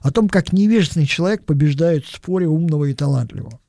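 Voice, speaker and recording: A man's voice: a little high, expressive, quick pace, vocal fry, dark tone, dry recording, clean studio sound. An older man giving a thoughtful, digressive sermon and dwelling on single words. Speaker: preacher. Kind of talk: reflective sermon.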